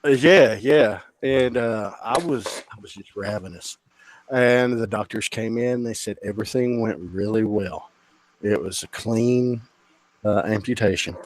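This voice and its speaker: A man's voice: on the low side, unhurried, a little hiss or hum. A man in his thirties, a podcast guest, telling a personal story in a blunt, profane, earnest way. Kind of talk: casual storytelling interview.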